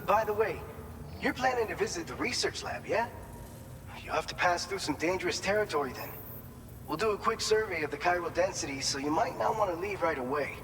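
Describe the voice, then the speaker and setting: In video game cutscene dialogue, a chatty, upbeat male distribution center staffer briefs a courier as the briefing officer, his voice slightly high. He explains things informally and encouragingly, friendly and considerate, with long hall-like reverb and clear noise behind him.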